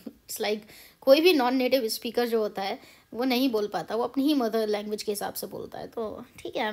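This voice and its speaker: भारतीय लहजे वाली युवा महिला, कुछ ऊँची आवाज़. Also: female voice, a little high, darkish tone. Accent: Indian English. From India. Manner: chatty, mixes Hindi and English, explains patiently. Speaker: pronunciation teacher. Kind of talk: casual spoken lesson.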